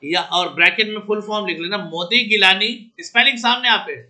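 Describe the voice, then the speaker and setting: A man teaching a class, teasing his students and dictating notes slowly, mixing English into Hindi. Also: high voice, bright, forceful tone, roomy sound. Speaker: commerce teacher. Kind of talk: classroom lecture.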